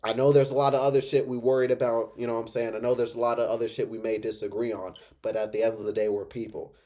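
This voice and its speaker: A drunk man with a mid-pitched voice delivers an impassioned, unscripted rant. He rambles and circles back on his words, leaning hard on his points. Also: level tone, fast, dark tone. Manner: emphatic, repetitive, rambling. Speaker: reaction video host.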